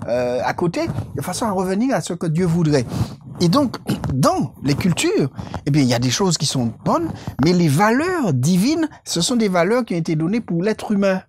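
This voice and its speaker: A woman co-hosting a Bible study discussion, speaking in a measured, explanatory way and quoting scripture. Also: lowish voice, sing-song, darkish tone, slight background noise. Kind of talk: religious lesson discussion.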